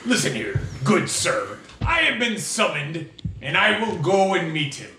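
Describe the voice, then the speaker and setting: A man's voice: on the high side, big pitch swings, moderate pace, gravelly, sharp tone, exaggerated voice. A man voicing a stubborn male dwarf cleric with a pirate-style voice. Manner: stubborn, defiant. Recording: echoey room, faint noise.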